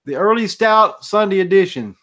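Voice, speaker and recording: A man's voice: sits high, expressive, moderate pace, sharp tone. A man who is a regular on a beer review show, chatting enthusiastically on a live video call.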